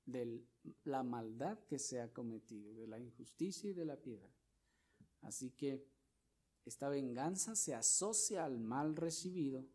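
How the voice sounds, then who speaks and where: A man preaching a sermon, putting rhetorical question after question to the congregation and swinging from loud stressed lines to quiet, low ones. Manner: slow, deliberate delivery. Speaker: pastor.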